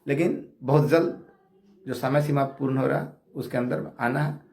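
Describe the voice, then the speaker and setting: A man giving a heated monologue from his home prayer room, combative, insulting his rivals and swinging between shouting and low muttering. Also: fairly even intonation, moderate pace, gravelly, roomy sound. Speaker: online commentator appealing to viewers.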